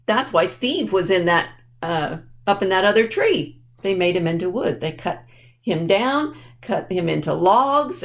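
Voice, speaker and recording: A woman with a lowish voice runs a storytime lesson for kids, choosing simple words, spelling things out deliberately, and asking questions to make sure they follow.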